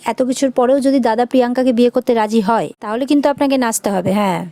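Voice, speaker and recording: A woman's voice: a little high, quick pace, mellow, no echo, lightly acted. A woman reading the lines of a playful young man teasing over the phone.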